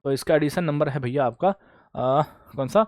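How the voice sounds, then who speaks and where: Speaking at a moderate pace with a slightly high, darkish voice, this exam coaching teacher runs an online current affairs quiz. He repeats question-and-answer drills and addresses students as bhaiya and beta; the studio recording has no echo.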